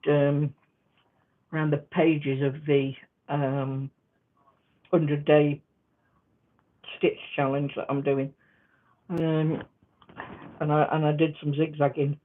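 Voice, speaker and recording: A woman chatting casually in a quilting vlog, rambling and halting with many restarts. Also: sits low. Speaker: quilting vlogger. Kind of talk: casual crafting vlog chat. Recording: tinny phone-like sound.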